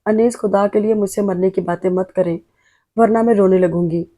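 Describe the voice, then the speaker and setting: A woman's voice: medium pitch, fairly even intonation, warm tone, close to an everyday voice. A woman reading the lines of a loving young wife in an earnest, emotional way.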